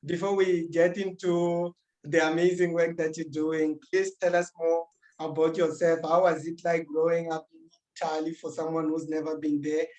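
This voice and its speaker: A man's voice: on the high side, flat delivery, normal speed, darkish tone, low-quality recording. A man hosting a casual podcast interview, enthusiastic and chiming in with short affirmations. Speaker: podcast host.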